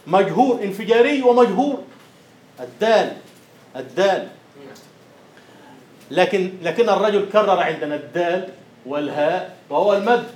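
A man's voice: high voice, darkish tone. A man, a university lecturer teaching poetic meter, quizzing students and chanting rhythm syllables. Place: classroom. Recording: roomy classroom echo.

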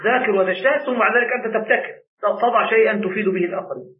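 A man's voice: sits high, rapid-fire. A man with an Egyptian accent teaching a religious law class as a sheikh, quizzing his students and repeating key words back to them. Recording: tinny phone-like sound in an echoey room.

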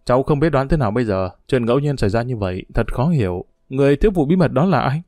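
A man voicing a troubled young man in a storybook reading, answering in quick, tense lines. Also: medium pitch, lively intonation, darkish tone, no echo, studio quality, natural voice. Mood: weary.

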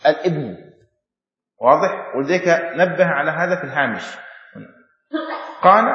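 Guy lecturing religious law, voice jumping up and down, sounds dull and echoey like a big room. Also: fairly high pitch. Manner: repeats key terms and checks understanding often. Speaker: Islamic law teacher. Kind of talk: classroom lecture explaining a text. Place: classroom with a board.

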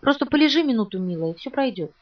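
A woman's voice: fairly high pitch, animated, quick pace. Woman reading a fussing older nurse. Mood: fussy. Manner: fussy, motherly. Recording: distant, muffled, soft music.

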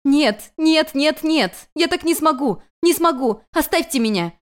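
A woman's voice: high voice, a little fast, voice pushed up, natural voice. A woman voicing a young female goddess student, impulsive and stormy, crying out in pleading outbursts. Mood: distraught.

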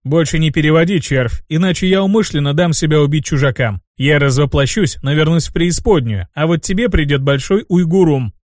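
A man's voice: fairly high pitch, a little fast, few pauses, a little mellow, dry recording, clean studio sound, lightly acted. A man voicing an imperious male demon who speaks in a commanding, contemptuous way.

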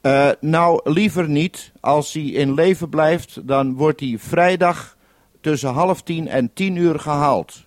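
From a 1971 broadcast: a man on the mainland who makes radio programmes instructs someone over a two-way link, one step at a time, signing off each turn with radio procedure. His pitch is fairly high and his pace slow, and the sound is clean and studio-like with no echo.

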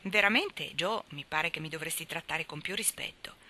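A woman's voice: sits low, normal speed, sharp tone. Woman reading as a mischievous young man. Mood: amused. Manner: jaunty, joking.

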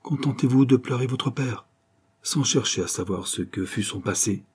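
A man playing a grave, gentle private secretary, speaking in a hesitant, respectful, sorrowful way in an audiobook reading. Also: mid-range voice, moderate pace, breathy edge, voice pushed up.

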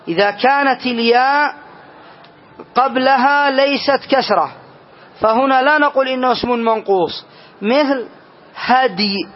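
High-pitched man teaching a grammar class. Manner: questions students, slows down to stress examples. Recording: dull lo-fi classroom recording.

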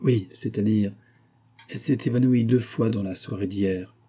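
A man's voice: fairly low pitch, steady tone, normal speed, mellow, breathy edge. Karsdorff, a man voicing a timid old father. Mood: hesitant. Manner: hesitant and placating. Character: timid, kindly old father, embarrassed and hesitant. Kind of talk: audiobook reading.

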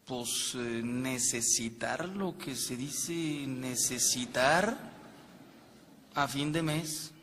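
A Mexican priest in his fifties giving a lively, joking talk on marriage, acting out little scenes for his audience. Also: medium pitch, very slow. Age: 50s. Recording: hall reverb with faint background noise.

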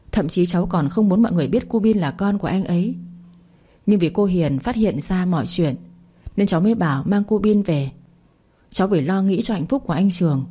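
A woman's voice: medium pitch, mellow, breathy edge. A woman voicing a scheming young woman who pleads in a whimpering way.

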